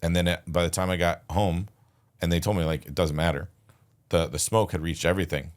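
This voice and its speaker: A man, a podcast guest, telling a personal story in a casual, halting way, acting out bits of dialogue. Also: low-pitched. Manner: relaxed, halting retelling with restarts and quoted dialogue.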